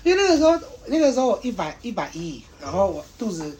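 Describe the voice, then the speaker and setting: Young man, fast rambling, giggly, candid storytelling. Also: high voice, very animated, darkish tone, slight background noise. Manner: rambling, giggly, bursts of embarrassed laughter. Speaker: podcast co-host.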